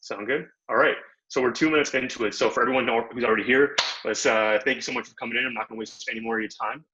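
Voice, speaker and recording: A young Bangladeshi man presents an online workshop over a video call, casual and upbeat, packing his talk with slang and fillers. His mid-range voice is steady in tone, very fast, pushed and bright. The call audio is dull and lo-fi.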